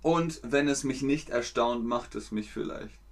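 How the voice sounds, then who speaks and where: A man gives a language lesson at a very unhurried pace, saying each word clearly and repeating it. He acts out the feelings he explains with playful sounds and exclamations, in a voice of middle pitch. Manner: repeats words slowly and acts out emotions. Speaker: German teacher.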